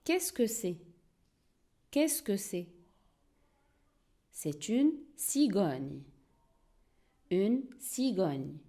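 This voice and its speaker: A woman teacher leads a beginner reading lesson at a very slow, deliberate pace. Her mellow voice rises and falls in a lively, sing-song way as she repeats each word for the class. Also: medium pitch. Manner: slow, clear, repeats words for pupils to echo. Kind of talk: early-reading lesson for young learners.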